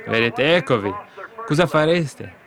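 A man's voice: medium pitch, lively intonation, unhurried, crowd noise. Fervent male preacher. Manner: fervent preaching with sudden emphatic outbursts and hushed asides. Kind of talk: sermon.

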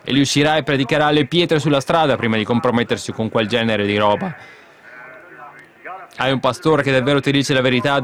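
A man delivering a fiery sermon at a middle pitch. He swings between loud, emphatic calls to his listeners and quiet, muttered asides. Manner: fervent preaching with sudden emphatic outbursts and hushed asides. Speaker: preacher.

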